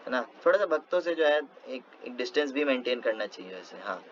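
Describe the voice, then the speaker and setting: A man's voice: mid-range voice, sing-song, fast. A man giving a casual devotional talk, telling stories with many fillers and small laughs. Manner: storytelling with frequent fillers and laughs. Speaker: devotional speaker. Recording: dull lo-fi with faint noise.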